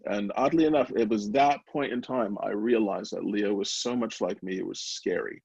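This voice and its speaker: Gravelly, husky man, storytelling. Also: fairly low pitch, normal speed, no echo. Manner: candid, rambling, animated quoting of others. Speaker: podcast guest, brownie company founder. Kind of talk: emotional personal storytelling. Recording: slightly dull, lo-fi remote audio.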